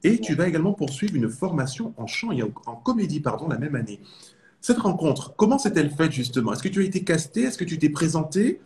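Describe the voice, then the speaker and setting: A man's voice: a little high, sing-song, fairly quick, darkish tone. A man from France hosting an interview, framing questions with enthusiastic praise for his guest. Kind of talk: interview host.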